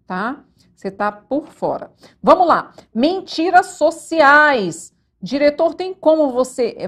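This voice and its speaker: A Brazilian woman psychologist hosting a live online talk, chatty and animated, often checking in with her viewers. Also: mid-range voice. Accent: Brazilian Portuguese. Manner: chatty, addresses viewers as "gente", frequent "tá?" tags; animated, gives stage directions to the crew mid-talk.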